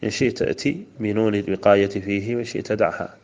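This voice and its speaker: A man with a Mauritanian Arabic accent teaching classical grammar, reciting verses slowly and then explaining them in a measured way with fillers. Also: on the low side, a little mellow. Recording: dull lo-fi recording.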